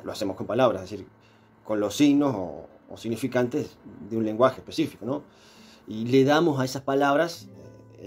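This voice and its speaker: A man talks through an explanation at an ordinary mid pitch. He hesitates often, tucking in filler sounds and tag questions as he goes. A faint guitar plays quietly behind him. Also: husky. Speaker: presenter explaining philosophy. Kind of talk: explanatory monologue.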